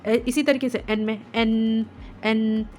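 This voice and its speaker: Woman slowly sounding out letters. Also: a little high, fairly even intonation, darkish tone. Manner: slow, drawn-out sounding of letters. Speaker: phonics teacher for parents. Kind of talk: home phonics lesson.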